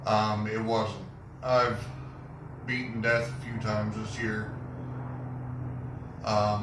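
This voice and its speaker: A man hosting his garage channel, talking plainly and haltingly with fillers, audibly short of breath. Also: mid-range voice, reverberant, distant mic, noisy background. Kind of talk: casual vlog update. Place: home garage.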